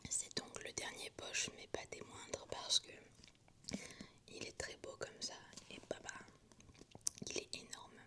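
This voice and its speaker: A woman presenting books in a soft, hushed ASMR whisper, like someone whispering in a library. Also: takes it slowly, long pauses. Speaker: book vlogger presenting a reading list.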